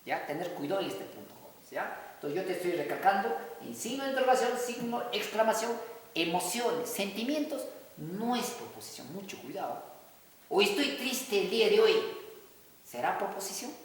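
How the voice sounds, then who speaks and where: A man's voice: high-pitched, sing-song, a little fast. A man teaching a math lesson, repeating key points and constantly checking that the students understand. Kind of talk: classroom lesson. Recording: echoey hall from far off.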